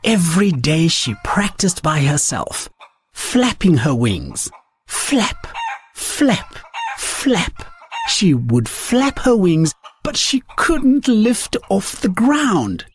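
Slow, sing-song woman reading a children's story. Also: fairly low pitch, very animated, slight background noise. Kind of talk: children's story read-aloud.

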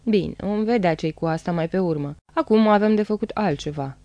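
A calm, commanding male ship captain who gives firm, clear orders, as a woman reads him aloud. The voice is low and warm, with a dry, close sound. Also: no room sound, lo-fi sound, natural voice.

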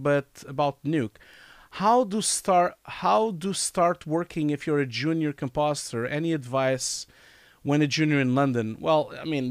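This live stream host, a man in his forties, has a fairly high, clear, resonant voice roughened into a nasal, scratchy tone by a cold. Answering chat questions aloud with lots of fillers from his indoor home study with bookshelves, he wears headphones and speaks into a boom-mounted studio mic, with clean studio sound and no room sound.

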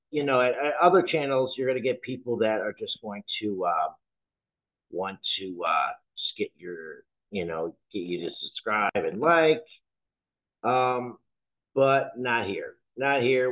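Male reaction host, slow rambling casual delivery, low voice. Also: phone-quality sound. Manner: rambling, thinking aloud.

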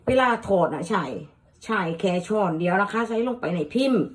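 A woman from Thailand casually demonstrating a recipe in a home kitchen. She speaks politely, explains each step and softly repeats herself. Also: mid-range voice, animated, normal speed, poor audio. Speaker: cooking vlogger.

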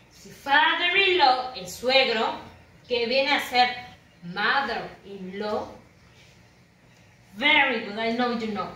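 A woman teacher, her voice bright and fairly high, speaking very slowly as she stretches out each word for children to repeat. She heaps on encouraging praise. The recording is roomy and a little distant, with faint ambience behind her. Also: slight background noise. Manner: slow, drawn-out model words for children to repeat; switches between English and Spanish, encouraging praise. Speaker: primary school English teacher. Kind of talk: bilingual classroom lesson to camera.

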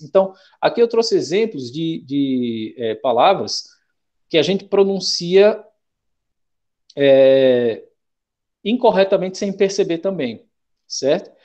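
Chatty Brazilian male teacher. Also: fairly high pitch. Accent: Brazilian Portuguese. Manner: relaxed, chatty, checks in often with slangy rhymes. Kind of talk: online class lecture.

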